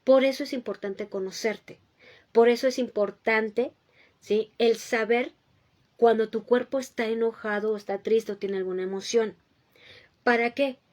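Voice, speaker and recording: Slightly high-voiced woman, teacherly host. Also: fairly even intonation, a little slow, darkish tone. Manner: teacherly, checks in with a frequent rhetorical "¿sí?"; repeats key points for emphasis. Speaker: host giving emotional-health advice. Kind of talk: explanatory talk answering viewers.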